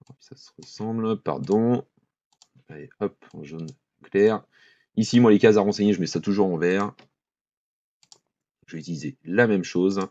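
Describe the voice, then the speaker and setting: A man narrates a spreadsheet tutorial in a fairly low voice. He talks in a loose, thinking-aloud way, with fillers and quick apologies as he clicks along. The recording is dull and lo-fi, with keyboard typing behind him. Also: dark tone, no echo. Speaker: finance tutorial host.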